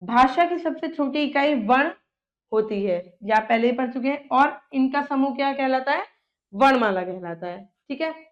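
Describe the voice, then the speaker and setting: High-pitched lady teacher going slow, sounding out each letter, keeps checking in, kinda muffled lo-fi audio. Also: lively intonation. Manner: often checks in with "theek hai". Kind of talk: classroom grammar lesson.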